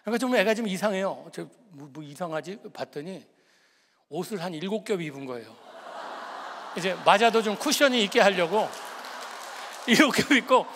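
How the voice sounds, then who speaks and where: A middle-aged man preaching, a pastor telling a personal story with emotion, moving between lively and hushed tones. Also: high-pitched, moderate pace, long pauses, in a large hall.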